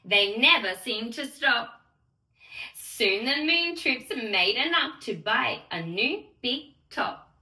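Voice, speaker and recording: A woman with a fairly high, lively voice reads a bedtime story to small children, speaking slowly in a bright, pushed, theatrical sing-song and addressing her young listeners directly. The microphone sits far off, so the room echoes.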